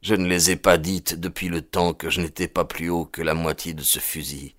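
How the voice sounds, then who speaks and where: A rough, weary frontiersman speaking with grave, slow tenderness, read by a man in an audiobook. His voice is very low and sits dry and close. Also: level tone, a bit bright, dry recording. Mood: gentle. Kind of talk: audiobook character voicing.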